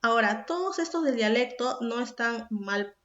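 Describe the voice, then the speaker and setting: A woman's voice: a little high, lively intonation, moderate pace, a bit bright. A woman from Peru, a secondary school teacher explaining a recorded class and speaking directly to the student with questions. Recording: echoey room, dull lo-fi sound.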